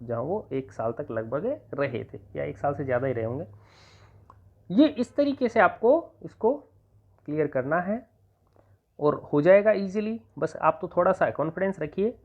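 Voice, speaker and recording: A male teacher from Rajasthan giving an exam-prep grammar lesson, patiently repeating points and dictating examples slowly. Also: a little high. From Rajasthan, India. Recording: tinny phone-like sound.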